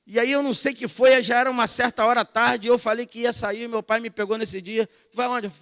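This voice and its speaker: A man's voice: extremely high pitch, fairly even intonation, quick pace, fairly bright tone, clear, resonant tone. A middle-aged man from Brazil, a pastor preaching in a conversational, storytelling way, calling the congregation brothers. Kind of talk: sermon. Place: church hall. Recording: echoey church hall.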